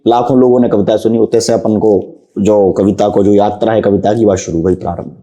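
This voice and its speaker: A young man being interviewed as a poet, who talks fast and recites his verse in a rhythmic, declaiming way. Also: fairly low pitch, fairly even intonation, dark tone. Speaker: poet guest. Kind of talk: casual interview chat with poetry recitation.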